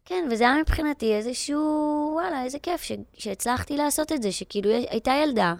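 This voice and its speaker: A woman's voice: high-pitched, animated, no echo. A middle-aged woman, a guest on a podcast, talking casually with lots of fillers and restarts. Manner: slangy, many fillers and restarts.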